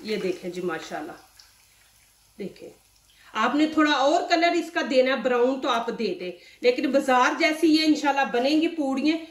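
An animated, high-voiced woman with a Pakistani Urdu accent runs a cooking demonstration in her home kitchen at normal speed. She is chatty, instructive, and quick to use religious phrases. Her voice reverberates, captured from far from the mic.

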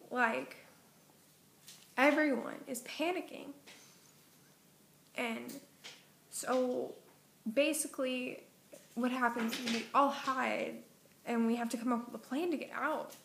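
A woman's voice: sits high, creaky, a bit bright, echoey room, a little hiss or hum. A young woman vlogger, just woken up, telling a long dream in a casual, meandering way full of fillers and self-corrections. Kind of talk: casual rambling story.

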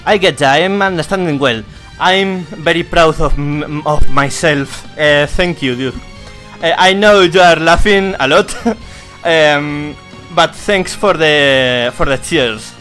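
Spanish-accented man, native Spanish speaker, streamer, slow halting English, cursing, fairly high voice, faint music behind. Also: bright, forceful tone. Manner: swearing, self-mocking, halting non-native English. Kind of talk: casual gameplay commentary.

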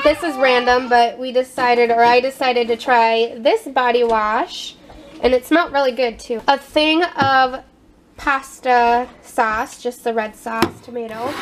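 A high-voiced American woman in her twenties, a family vlogger, shows off items in her home kitchen, narrating casually in short, halting phrases. She's recorded on a handheld camera held at arm's length, so the kitchen audio is noisy.

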